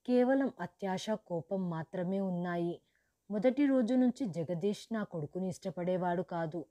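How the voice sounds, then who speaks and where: A woman narrating a storybook in the first person as a grieving, widowed mother who lost her wealth, in a steady, measured reading. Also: on the low side, no echo, highs cut off, close to an everyday voice. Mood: sorrowful.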